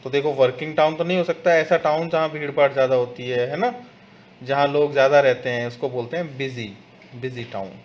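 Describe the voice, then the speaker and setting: A man with an Indian accent teaching an English textbook lesson to schoolchildren. He reads the English lines slowly and explains them in Hindi mixed with English words. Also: mid-range voice. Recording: slightly dull audio with faint background noise.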